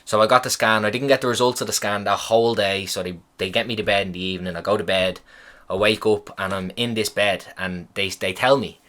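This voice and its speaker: Low-voiced man telling a story. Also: a little fast. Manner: profane, animated retelling of a hospital visit. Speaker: podcast host. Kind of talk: casual storytelling.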